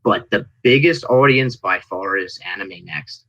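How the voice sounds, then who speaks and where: A man chatting casually as an interview guest, telling stories in an animated way and acting out people's reactions. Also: low-pitched, unhurried, highs cut off. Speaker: interview guest, indie wrestling performer. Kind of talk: casual interview chat, anecdotes.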